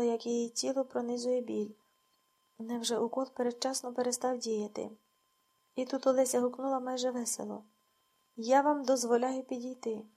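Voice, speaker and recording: A woman reads a novel aloud in quiet, restrained audiobook narration. Her voice sits a little high but sounds dark and mellow, with a creaky, husky edge. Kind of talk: scripted narration.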